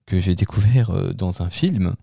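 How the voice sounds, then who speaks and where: Male radio host, gravelly, dry studio sound, hesitant and casual. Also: sits low, normal speed, warm tone, no echo. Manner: hesitant, with many fillers and restarts. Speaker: radio host presenting music. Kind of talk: casual radio music commentary.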